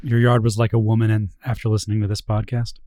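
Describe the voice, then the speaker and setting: A man's voice: on the low side, level tone, quick pace, dark tone, dry recording. A male podcast co-host in casual chat, chiming in with dry, teasing remarks.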